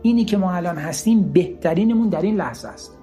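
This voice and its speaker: A man's voice: sits high, animated, warm tone, soft background music. A man giving an earnest motivational talk, driving his points home with repeated, emphatic lists. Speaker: motivational speaker.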